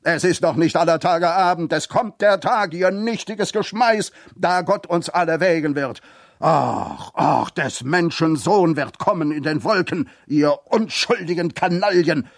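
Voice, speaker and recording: A man voicing a raging drunken man who screams curses and rants in a high, cracking voice. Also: a little slow, no room sound, clean studio sound. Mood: raving preacher. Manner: shrieking, ranting, cursing. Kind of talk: dramatized reading.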